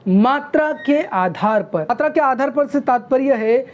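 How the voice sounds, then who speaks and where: A woman teaching a video grammar lesson, who often checks in with "okay?" and sounds out vowels slowly. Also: high voice, expressive. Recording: dull lo-fi recording.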